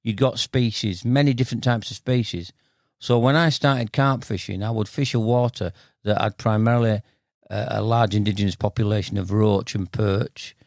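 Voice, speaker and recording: A man's voice: on the low side, creaky, dry recording, clean studio sound. A man in his sixties from Bradford with a Yorkshire accent, chatting and telling stories as an interview guest in a blunt, matey, colloquial way. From Bradford, Yorkshire, northern England. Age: 60s. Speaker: podcast guest, veteran carp angler. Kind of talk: casual interview storytelling.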